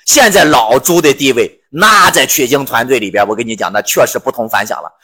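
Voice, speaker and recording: A man's voice: medium pitch, lively intonation, a little fast, sharp tone, husky. A man retelling a classic novel chapter with casual, joking asides to listeners. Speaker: storyteller.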